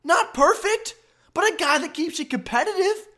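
A man's voice: extremely high pitch, lively intonation, moderate pace, sharp tone. A man hosting a sports podcast, ranting emphatically and with exasperation about his team's loss. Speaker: podcast host. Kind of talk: fan sports commentary podcast.

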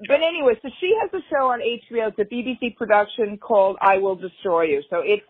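A woman with a husky, mid-range voice talks fast as a podcast co-host, rambling through casual chat with wry, self-mocking asides. Her voice comes over a thin, phone-like line, and the recording is dry with no room sound.

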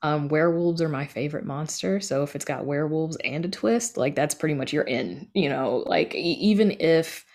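Being interviewed about her work as a podcast creator and horror writer, a woman talks informally and acts out bits of imagined conversation. Her deep, slightly mellow voice moves at a moderate pace with few pauses.

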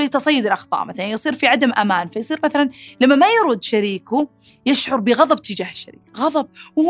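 A woman's voice: fairly high pitch, no echo. A woman hosting a podcast and explaining psychology in a casual way, acting out the quotes she gives. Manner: fast, animated, acts out angry quotes.

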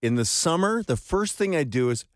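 A man's voice: a little high, very animated, moderate pace, dry recording. A man hosting a morning radio show, moving between upbeat announcements and casual banter in a radio studio. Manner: morning show host delivery.

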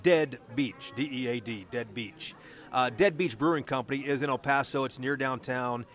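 A man's voice: medium pitch, moderate pace, a bit bright. A man with an American accent, a podcast host and political reporter who speaks conversationally as he narrates and interviews.

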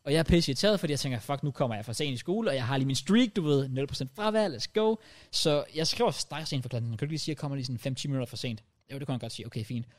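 A young man on a podcast, telling a story in lively casual chat and dropping English slang into his speech. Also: medium pitch, few pauses. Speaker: podcast co-host.

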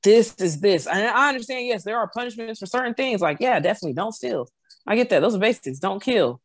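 A woman's voice: mid-range voice, animated, fast talker, dry recording. A woman in casual conversation, explaining her views earnestly and often stopping to restart a phrase.

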